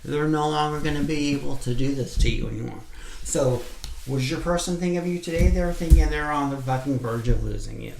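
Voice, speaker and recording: A man's voice: a little high, a little fast, creaky, a little mellow. Blunt, swearing male tarot reader. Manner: blunt, swears freely, repeats himself for emphasis. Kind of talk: casual pick-a-card tarot reading. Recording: echoey room with faint noise.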